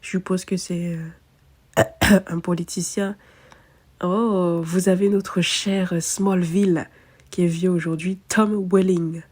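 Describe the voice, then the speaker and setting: A woman's voice: fairly low pitch, little pitch movement, takes it slowly, darkish tone, breathy edge. A woman, an astrologer chatting casually and self-mockingly, thinking aloud with many fillers. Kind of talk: casual chat to camera.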